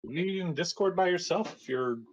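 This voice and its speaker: A man on a hollow, tunnel-like speakerphone, chatting casually and halting now and then as a friend calling in. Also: high-pitched, a little hiss or hum. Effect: hollow, tunnel-like speakerphone sound. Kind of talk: casual chat. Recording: dull speakerphone over voice chat.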